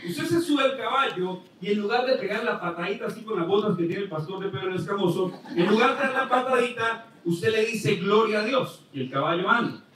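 A man's voice: sits high, animated, brisk, a bit bright. A man voicing an obliging male horse renter who explains matter-of-factly during a joke. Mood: explaining. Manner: apologetic, matter-of-fact. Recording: echoey hall, distant mic, faint noise.

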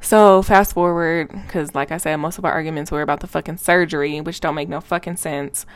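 Twenty-something woman spilling the tea, low-ish voice, cussing a lot, laughing at herself, dry close sound. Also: fairly even intonation, a little fast, no room sound. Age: 20s. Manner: blunt, profane, laughing storyteller. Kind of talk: casual storytime vlog.

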